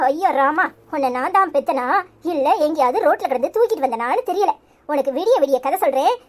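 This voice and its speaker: A woman voicing a sharp-tongued, mocking middle-aged mother in a cartoon, with a Tirunelveli Tamil accent. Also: high-pitched.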